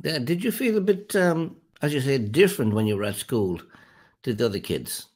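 An older man interviewing a guest over a video call, asking measured, friendly questions with a few fillers. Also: medium pitch, lively intonation, a little mellow, slightly rough. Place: indoor room at home.

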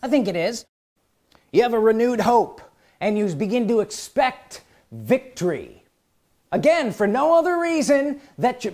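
Preacher, church sermon, animated delivery with swooping pitch, engages the crowd directly. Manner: animated, calls out questions to the congregation.

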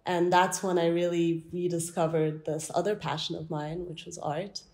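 Young female artist from France, lowish voice, easygoing interview answers. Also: normal speed. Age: young adult. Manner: relaxed storytelling with light laughs. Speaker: artist guest. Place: art gallery, indoors.

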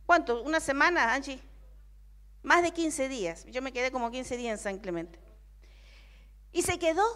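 Young Argentine woman preacher with a high voice, telling a testimony in a sermon, quiet in prayer and strong in emphasis. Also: lively intonation, moderate pace. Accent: Argentine Spanish. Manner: storytelling, swings from hushed quoted prayers to emphatic exclamations.

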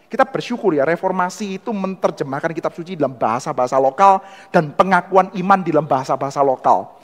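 Fast-talking man lecturing in a hall. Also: sits high. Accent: Surabaya Indonesian. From Indonesia. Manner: animated, often addresses listeners as "Saudara". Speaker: theology lecturer. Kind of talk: church history lecture.

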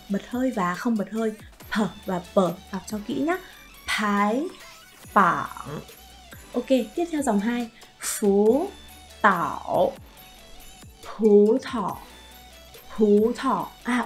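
A woman in her thirties from Vietnam teaching a Chinese pronunciation lesson, speaking directly to learners and demonstrating tones with drawn-out vowel sounds. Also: fairly high pitch, darkish tone.

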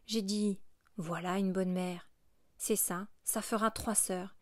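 A woman's voice: mid-range voice, fairly even intonation, slow, darkish tone, no room sound, studio quality, lightly acted. A woman reading aloud as a poor young mother, earnest and pleading.

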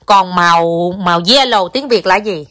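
Young woman, Southern Vietnamese accent, lower voice, chatty, coaxing, casual home vlog. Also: unhurried, pushed and bright, dry recording, clean studio sound. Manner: coaxing, chatty, mixes in English words. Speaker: mother vlogging with her child. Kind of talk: casual family vlog chat. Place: home, indoors.

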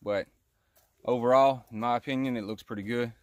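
A man's voice: mid-range voice, fairly even intonation, brisk, no echo, studio quality. A man talking casually to his viewers beside his car after an install, still a little out of breath, chatty and laid-back. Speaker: car vlogger. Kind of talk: casual how-to vlog outro.

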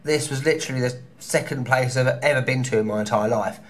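Filming in a small hotel room with the camera held close at arm's length, a man in his thirties with a London accent gives travel advice in a chatty, cheeky way full of quick asides. He speaks in a mid-range voice, with slight background noise.

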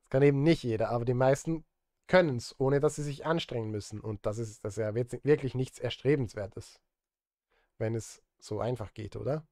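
In an indoor streaming setup, a Swiss man who composes film music chats casually on a live stream as he works, with self-deprecating jokes. His voice is medium-pitched and a little mellow, at normal speed, and the sound is clean studio quality with no echo.

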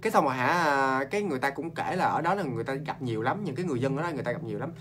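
A man with a Southern Vietnamese accent, hosting a ghost story show in a chatty, animated way and talking straight to his viewers. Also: mid-range voice, slight background noise. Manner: animated, talks straight to viewers, quick asides and laughs.

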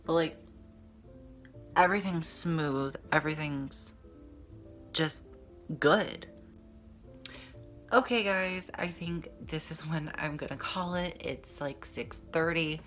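In a casual makeup review filmed in a small indoor room, a beauty vlogger in their twenties chats to camera with sassy, slangy drag queen style. Their mid-range voice is slow and fairly bright, pausing often, and background music runs behind it.

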